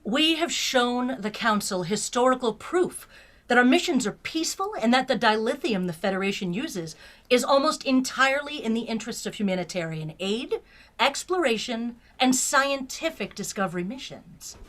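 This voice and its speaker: A woman playing a principled, composed female starship captain in a sci-fi fan audio drama, speaking in a measured, formal way. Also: a little high, animated, a bit bright. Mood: composed, firm.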